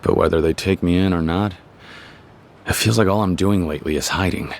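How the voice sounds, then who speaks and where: In a video game dub, an actor with a deep voice and an American accent speaks briskly as a stoic, plain-spoken tough man in hiding. His delivery is terse and restrained, the mood calm and weary.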